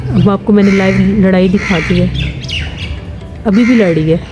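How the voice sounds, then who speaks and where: A woman's voice: mid-range voice, normal speed, music in the background. Chatty woman vlogger narrating birds. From Pakistan. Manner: amused, chatty running commentary. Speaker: family vlogger. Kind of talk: live commentary while filming birds.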